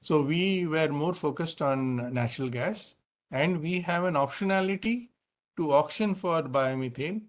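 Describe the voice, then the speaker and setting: On an earnings call, a company executive gives unscripted explanations, pausing often and repeating words. His voice is fairly high in pitch.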